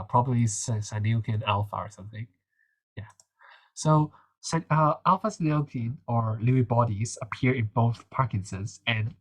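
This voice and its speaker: Running an informal revision session, a young medical student tutor goes over quiz answers in a medium-pitched, nasal voice with a breathy edge. He's chatty but hesitant, using plenty of fillers and restarting his sentences.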